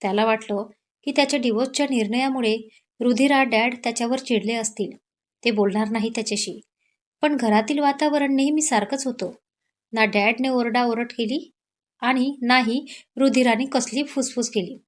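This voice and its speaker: A woman storyteller narrating a romantic audio story in a steady, even way. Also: fairly high pitch, moderate pace.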